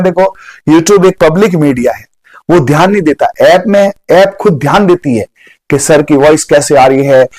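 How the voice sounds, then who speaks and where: A young man leads a live online exam-prep class, his voice pitched high and bright. He jokes, reads viewers' comments aloud and drills memory tricks. The sound is dry and close, with no room echo. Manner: animated, jokey, chats with viewers' comments.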